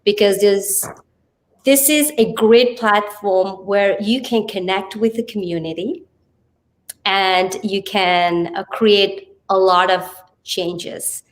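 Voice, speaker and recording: With a mid-range voice and a slow pace, a Sri Lankan-accented woman speaks earnestly as an interview guest, explaining things phrase by phrase. She is a podcast guest, TV presenter and radio host, introducing herself and explaining in a conversational interview.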